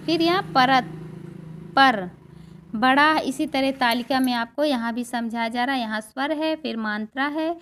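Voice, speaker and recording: A woman teacher giving a grammar lesson and walking through a table, slow and deliberate, drawing out her example words. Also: high voice, slight background noise.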